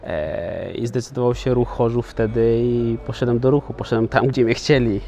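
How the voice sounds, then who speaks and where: A man's voice: mid-range voice, fairly even intonation, moderate pace, dark tone, a little hiss or hum. A man in his thirties, a footballer, answering interview questions casually, with many filler sounds and restarts. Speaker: professional footballer, guest.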